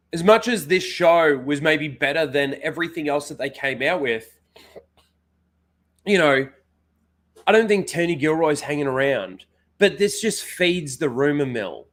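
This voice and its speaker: A young man with a blocked nose hosts a casual livestream, rambling with plenty of fillers and reading out names to greet people in the chat. His voice is on the high side and fairly bright.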